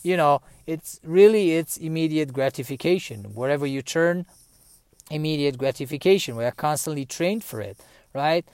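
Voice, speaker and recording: A man talks through a personal story in a loose, rambling way, circling back with fillers and restarts. His voice sits a little high for a man and is smooth and clear. The sound is dry and close. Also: moderate pace, a little mellow, dry recording. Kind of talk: casual personal storytelling monologue.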